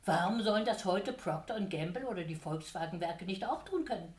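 A woman's voice: lively intonation, brisk, a little mellow, echoey room, natural voice. A woman voicing a scheming, fawning male Devil who talks like a wheedling salesman, in a read-aloud story. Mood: smug. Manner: wheedling, theatrical, swings between whining and eager pitching.

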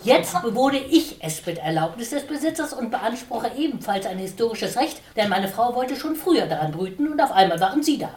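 A woman voicing an insolent little male sparrow, dry and sneering, bouncing between low and high notes with cocky ease. The voice comes from some distance in an echoing room. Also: big pitch swings, brisk, few pauses, a little mellow. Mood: mocking. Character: cheeky mocking male city sparrow. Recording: roomy, distant mic.

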